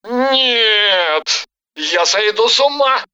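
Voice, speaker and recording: A woman voicing an irritable young man who keeps shouting in exasperation, in a story reading. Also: on the high side, animated, slow pace, highs cut off, pitched above the performer's own voice, exaggerated voice. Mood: exasperated.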